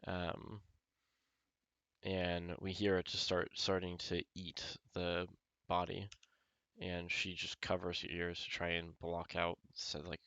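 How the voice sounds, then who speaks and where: A man pitching a film story scene by scene, halting often with ums and uhs and reading the characters' lines in the same plain voice. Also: monotone, pushed and bright, clear, resonant tone, no echo, dull audio.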